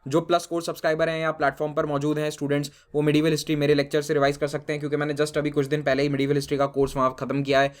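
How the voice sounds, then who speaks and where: A man teaching an exam-prep lesson, giving brisk, firm advice to students and mixing in English phrases. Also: on the high side, completely flat delivery. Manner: brisk, direct, mixes Hindi with English phrases; addresses students informally, reassuring and firm.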